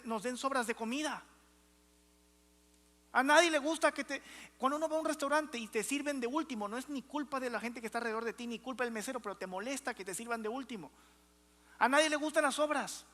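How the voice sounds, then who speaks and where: Young male pastor, emphatic preacher, bright tone, long church-hall echo. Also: very high voice. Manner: emphatic, calls out to the congregation. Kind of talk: sermon.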